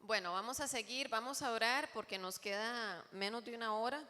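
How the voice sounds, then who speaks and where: Woman church-class teacher, casual and joking, bright tone. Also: on the high side, moderate pace. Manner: chatty and joking, with asides to the room. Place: church hall. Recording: long hall reverb.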